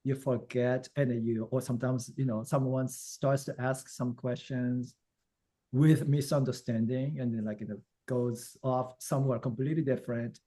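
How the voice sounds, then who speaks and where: A man's voice: medium pitch, fairly even intonation, moderate pace, warm tone. A man teaching Japanese grammar in an online class, explaining casually with many fillers. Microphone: video call.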